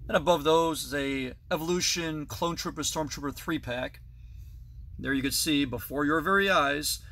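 A man's voice: a little high, fairly bright tone. A man in his thirties giving a chatty, detailed tour of his toy collection, filmed on a handheld phone in a basement. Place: basement full of toys, indoors. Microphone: phone camera held at arm's length.

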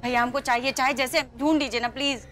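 A flustered young wife, played by an actress, stammers and pleads in a high, eager voice. Her talk is anxious and insistent. Loud music runs under this TV drama scene. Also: fairly even intonation, fast talker, natural voice. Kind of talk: TV drama acting.

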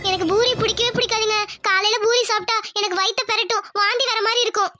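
A woman voicing a tearful young newlywed village woman in a cartoon, talking softly and pleadingly. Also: very high-pitched, steady tone, fast talker, no room sound, faint music behind. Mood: timid. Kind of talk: cartoon voice acting.

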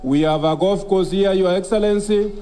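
A man's voice: sits high, moderate pace, warm tone, clear, resonant tone. A middle-aged man acting as master of ceremonies at an outdoor stadium podium, deferential and stumbling over his words. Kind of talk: ceremonial introduction. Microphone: podium microphone on a stand.

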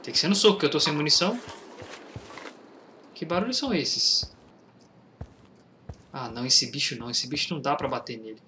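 A young Brazilian gameplay YouTuber gives casual, slangy let's-play commentary in Brazilian Portuguese, reading the game's lines aloud and shouting during fights. His voice is on the high side and brisk, with long pauses, over train and game sounds.

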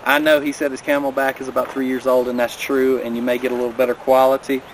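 A man in his thirties talks through hiking gear in a friendly, practical way, standing by a river in a mountain valley. The camera sits a few steps off, and clear outdoor noise runs behind his voice. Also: medium pitch, flat delivery, fast talker, low-quality recording. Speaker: vlogger. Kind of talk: casual outdoor gear rundown. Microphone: camera a few steps away.

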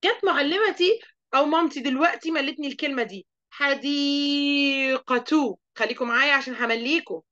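Egyptian lady teacher doing an online class for little kids, high voice, asks questions n answers them, muffled sound. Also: racing, bright, forceful tone. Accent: Egyptian Arabic. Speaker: primary school teacher. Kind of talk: online lesson for young children.

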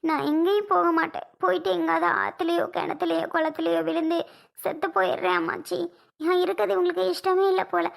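A performer with a very high, gravelly voice plays a young mother in a family skit who pleads and accuses through her tears. She sounds wounded and quick to take offence. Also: flat delivery, exaggerated voice. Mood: hurt. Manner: plaintive, accusing and sobbing.

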